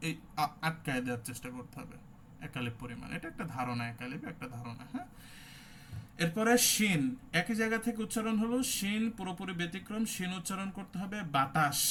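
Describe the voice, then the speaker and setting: A man's voice: fairly high pitch, fairly bright tone, a little hiss or hum. A man teaching an online Quran recitation class, explaining letter sounds and demonstrating each one.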